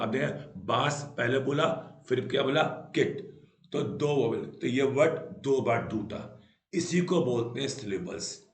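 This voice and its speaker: This is a Hindi-language grammar lesson where a man teaches English grammar in Hindi. His mid-range voice comes through reverberant as he patiently repeats the key points and frequently asks "right?"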